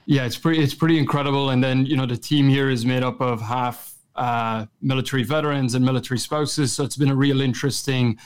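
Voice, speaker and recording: Clear-voiced man with a west of Ireland accent. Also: mid-range voice, steady tone, a little fast, hardly any pauses. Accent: west of Ireland, Kerry. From Kerry, Ireland. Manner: informal, conversational storytelling. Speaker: podcast guest, chief marketing officer. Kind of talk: casual interview answers.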